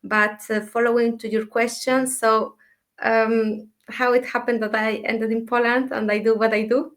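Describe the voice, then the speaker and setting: Woman from ecuador, 30s, soft and thoughtful, lots of ums, highish flat voice. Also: normal speed. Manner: soft-spoken, thoughtful, many fillers. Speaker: dream mentor, guest. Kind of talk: casual interview talk.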